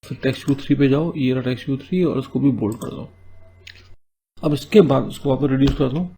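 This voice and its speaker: A man's mid-range, gravelly, warm voice guides a screen-recorded coding tutorial, with a little hiss or hum in the audio. He explains each step in Hindi, repeatedly asks "है ना?", and slowly reads English task notes in between.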